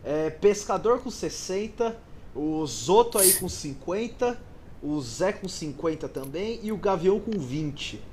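High-voiced Brazilian man hosting a word game. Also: lively intonation, unhurried, darkish tone, a little hiss or hum. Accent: Brazilian Portuguese. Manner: informal, sweary. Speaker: game host reading out answers. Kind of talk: casual banter during a word game.

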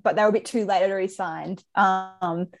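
A woman in her twenties from Brisbane speaks with a Queensland Australian accent, chatting casually while being interviewed as a soccer player. Her voice sits in the mid-range, with a steady tone and a fairly quick pace.

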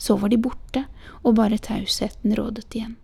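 Woman, audiobook reader, storybook narration, calm, gravelly voice. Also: on the high side.

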